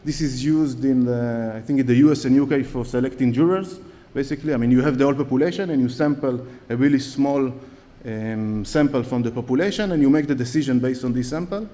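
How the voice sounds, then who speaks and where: A man with an Israeli accent speaks from a lectern on the stage of a large conference hall, and the long hall reverb carries his mid-range, mellow voice. He talks briskly with hardly any pauses, yet sounds hesitant, full of fillers and restarts, in a conference talk that takes audience questions.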